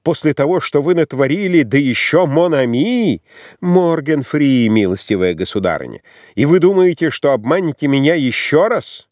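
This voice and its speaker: A young gentleman, as a male reader puts him on, bursts out in an indignant shout, his pitch leaping high and loud. The voice swings widely, and the recording is close and dry. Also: expressive, moderate pace, no echo, lightly acted. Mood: furious. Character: furious young gentleman, humiliated suitor.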